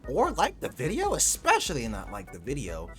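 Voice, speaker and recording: Over gameplay and its music, a gaming video host delivers casual, slangy reaction commentary that's sarcastic and mock-exasperated. His medium-pitched, fairly bright voice swings hugely in pitch at a normal speed.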